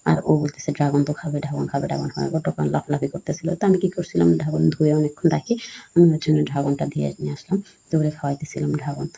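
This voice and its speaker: Woman, very gravelly voice, dark tone, rambling casual voice-over. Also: deep voice, level tone, quick pace, poor audio. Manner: rambling, repetitive storytelling with many fillers. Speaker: vlogger and mother.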